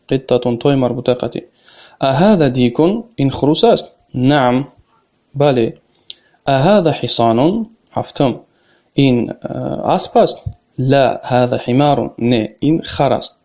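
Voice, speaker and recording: Male teacher with a Tajik accent and a dark, mellow tone, giving a casual, patient lesson. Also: mid-range voice. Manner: reads Arabic phrases slowly, then explains them in plain speech. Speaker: Arabic teacher.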